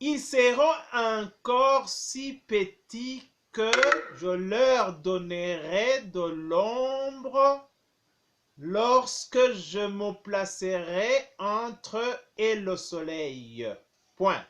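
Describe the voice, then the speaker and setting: A male primary school teacher dictating a lesson, repeating each phrase deliberately and saying the punctuation aloud. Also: high-pitched, expressive, fairly bright tone.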